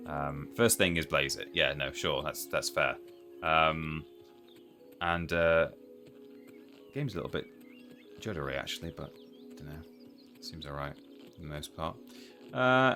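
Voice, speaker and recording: A man commentates casually as he plays a game. His voice is very deep yet bright and forceful, rambling as he thinks aloud, with soft music underneath. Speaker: live streamer playing a game.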